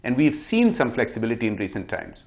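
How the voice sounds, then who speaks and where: A man speaks as a politician on a TV panel, heard over the phone. His voice sits at an ordinary middle pitch and comes through a thin, tinny line. He argues his points in a measured way. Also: very animated. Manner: measured, argumentative. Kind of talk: TV panel interview.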